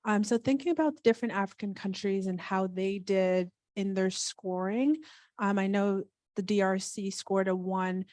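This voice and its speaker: A woman from Cameroon, an audience member asking a question quickly and thoughtfully. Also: mid-range voice, steady tone, a little mellow, no room sound, clean studio sound.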